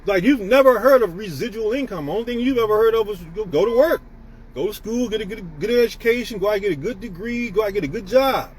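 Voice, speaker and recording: A man's voice: high-pitched, expressive, fast, darkish tone, slight background noise. A man in his fifties from the United States, hosting a live stream and giving a preachy motivational talk while greeting viewers by name. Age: 50s.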